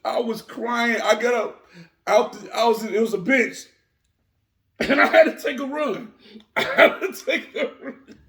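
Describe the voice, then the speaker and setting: A man casually telling a vacation story in an animated way, often repeating himself. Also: very high-pitched, unhurried, creaky, long pauses, echoey room. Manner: animated, laughing through his words, repeats himself.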